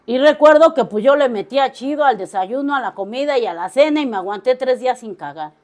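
A woman's voice: high-pitched, lively intonation, a little fast. A middle-aged woman with a Mexico City accent giving a personal testimony to a recovery group, telling her story bluntly and crudely with heavy slang. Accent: Mexico City Spanish. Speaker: speaker at a recovery meeting.

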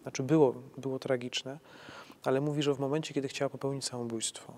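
Halting conversational priest. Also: male voice, mid-range voice, level tone, warm tone. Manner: conversational, halting restarts, frequent tag "nie?". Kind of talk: answering questions on faith.

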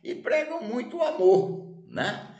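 A man voicing a calm, wise old male sage in a folk fable, who calmly repeats the stranger's words back to him. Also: extremely high pitch, slow, pitched above the performer's own voice, exaggerated voice. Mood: gently ironic. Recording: roomy echo.

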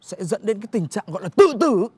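An actor playing a tactless, nosy village neighbor who laments dramatically and explains things like a know-it-all. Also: male voice, sits high, very animated, quick pace, darkish tone, slight background noise. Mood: chatty.

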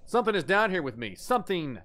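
A man hosting a live horror-game stream, joking loudly, reading in-game notes aloud and mock-crying into a desk microphone. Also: a little high, lively intonation, moderate pace. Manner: jokey, reads in-game notes aloud, yells and mock-cries. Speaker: livestream host playing horror games. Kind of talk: casual live gameplay commentary.

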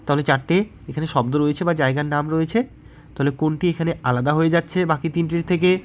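A man's voice: on the high side, steady tone, quick pace, slight background noise. Bengali man teaching a mock test. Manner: patient, asks then answers own questions. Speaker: exam prep teacher. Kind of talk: explaining mock test answers.

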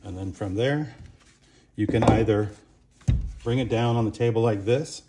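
A man's voice: lowish voice, moderate pace, very noisy. A man giving a plain, step-by-step demonstration of a workshop tool in a small concrete booth, on a camera mic. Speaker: product demonstrator.

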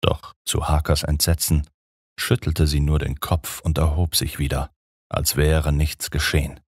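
Very deep-voiced male audiobook narrator. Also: flat delivery, dry recording, studio quality. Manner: dramatic, measured storytelling.

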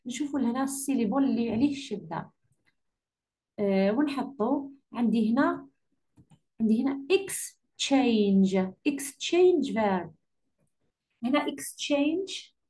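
A woman with an Algerian Arabic accent correcting an English exam for her students, patiently repeating key words slowly. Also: on the high side, lively intonation, a little mellow. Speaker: English teacher.

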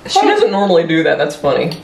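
Playful swearing woman, lively banter. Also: low-pitched, fast, creaky, slight background noise. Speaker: co-host. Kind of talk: casual chat. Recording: echoey room with faint music.

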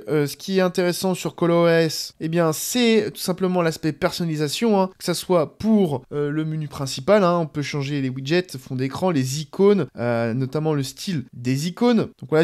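A man with a rather high voice narrates a casual gadget demo. He thinks aloud, filling pauses with hesitant sounds as he feels his way through the menus. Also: darkish tone. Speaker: tech YouTuber.

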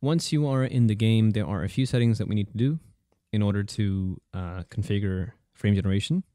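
Man, lowish voice, casual tutorial narration, hesitant conversational delivery, dry close recording. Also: fairly quick, mellow, clean tone, dry recording. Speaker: tutorial host.

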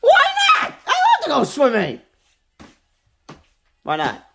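A teenage boy vlogging casually in a bedroom of a new house, loud, teasing and excitable, recorded on a handheld camera. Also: very high voice, slow, vocal fry. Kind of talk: casual chat.

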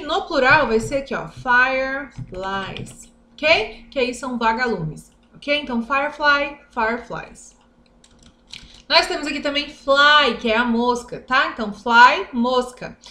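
Brazilian woman teacher, high voice, lively online lesson with word drills, roomy echo. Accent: Brazilian Portuguese. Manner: upbeat, chatty, slows down to drill English words. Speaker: English teacher.

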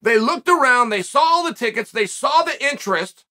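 A man's voice: extremely high pitch, animated, moderate pace, pushed and bright. A man hosting his own show, giving emphatic, ranting opinion commentary and repeating phrases for effect. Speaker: podcast host.

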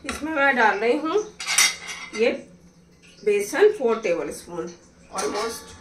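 A woman walks through a home recipe at a slow, easy pace, chatting about each step as she works. Her voice sounds a little distant from the mic and bounces around a roomy kitchen. Pots and utensils clink clearly in the background. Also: fairly high pitch, big pitch swings, noisy background. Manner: chatty, explains each step while cooking. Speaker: cooking vlogger. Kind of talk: casual cooking demonstration. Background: clatter of pots and utensils.

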